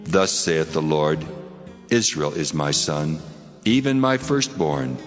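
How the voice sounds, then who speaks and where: Very deep, reverberant voice of God. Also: male voice, animated, takes it slowly, exaggerated voice. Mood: commanding, solemn. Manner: solemn, declamatory, authoritative. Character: the Lord God, commanding, majestic, stern male deity. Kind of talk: dramatized Bible reading in archaic English. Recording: long cavernous reverb over loud music.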